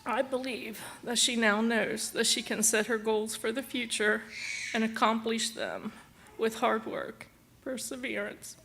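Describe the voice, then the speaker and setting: An older woman, a graduate's grandmother, giving a slow, emotional graduation speech and holding back tears. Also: fairly high pitch, flat delivery, a bit bright, slight background noise.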